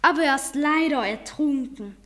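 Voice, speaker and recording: A woman's voice: high voice, moderate pace, fairly bright tone. A woman voicing a young boy who speaks in a plain, matter-of-fact way.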